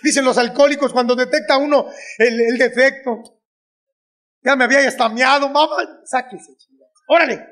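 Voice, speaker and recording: Mexican male comic storyteller, very high voice, foul-mouthed, loud outbursts. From Guanajuato, Mexico. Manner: profane, shouting bursts, acts out his mother's lines. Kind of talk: crude comic storytelling to a live audience.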